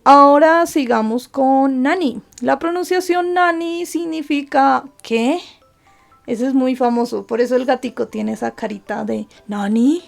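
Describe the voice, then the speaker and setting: A woman teacher with a high voice and a gravelly edge explains grammar step by step. She poses questions to her students and answers them herself. Soft music plays faintly behind her. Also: a little slow. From Colombia. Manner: patient, asks rhetorical questions and answers them. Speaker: Japanese teacher. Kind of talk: explaining grammar lesson over slides.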